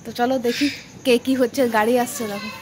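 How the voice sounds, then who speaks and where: A young woman from Bengal, vlogging excitedly outdoors at night and calling out to children. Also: on the high side, quick pace. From West Bengal, India. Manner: excited, chatty, calling out to kids. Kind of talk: casual vlog narration to camera. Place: village lane outdoors at night. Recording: outdoor phone video with firecracker noise. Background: firecrackers bursting.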